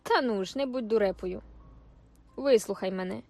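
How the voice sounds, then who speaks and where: A woman's voice: medium pitch, moderate pace, creaky, a little mellow, dry recording, soft background music, natural voice. A woman reading the lines of a brash, dismissive young male soldier, curt and commanding. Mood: brusque.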